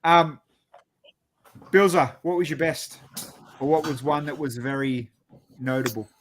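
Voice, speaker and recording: A man's voice: on the high side, steady tone, a little slow, slight background noise, rough recording. A man chatting casually and informally as host of a hobby show. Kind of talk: casual chat.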